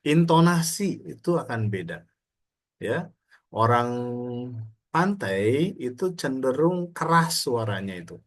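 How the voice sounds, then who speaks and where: A man's voice: medium pitch, very animated, slow pace, long pauses. A man from Indonesia giving a conversational university lecture, often asking his students rhetorical questions. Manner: frequent Indonesian fillers and restarts. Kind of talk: classroom lecture.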